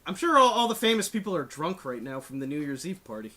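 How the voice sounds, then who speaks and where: A man's voice: fairly high pitch, sing-song, fast talker, bright, forceful tone. A man hosting a casual podcast chat, rambling and cutting himself off, laughing often. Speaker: podcast host.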